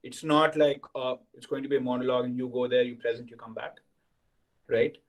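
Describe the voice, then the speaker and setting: A man's voice: mid-range voice, steady tone, brisk, rough recording. A young man, a senior student explaining things to new students on a video call and checking in with "right?". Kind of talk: orientation talk to students.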